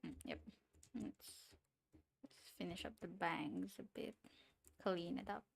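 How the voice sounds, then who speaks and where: Young woman streamer w/ a non-native english accent, gravelly low fry in her voice, rambles and giggles to herself while drawing. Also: huge pitch swings, slow. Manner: rambling and giggly, talking to herself as she works. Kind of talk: casual chat while drawing on a livestream.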